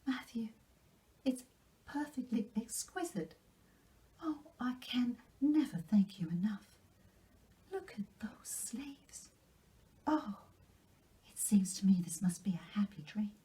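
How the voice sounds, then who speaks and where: An excitable, dreamy young girl from a storybook, played by a woman reader. Her voice lifts well above the reader's own and often turns breathy. She speaks in effusive, gushing exclamations, with a soft, mellow tone. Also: on the high side, slow, long pauses, voice pushed up. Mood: overwhelmed delight.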